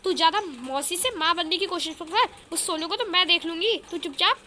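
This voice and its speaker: A woman voicing a harsh mother who loudly scolds her son and her sister. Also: very high-pitched, brisk, slight background noise, voice pushed up. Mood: angry scolding. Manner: loud, shouting insults.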